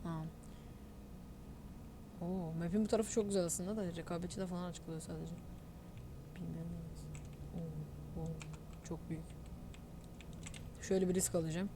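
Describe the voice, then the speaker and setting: A woman's voice: fairly low pitch, steady tone, normal speed, long pauses, background noise. A woman giving live gameplay commentary, talking straight to her viewers and ranting in exasperation about a suspected cheater. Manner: talks to viewers directly. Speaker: gamer, channel host.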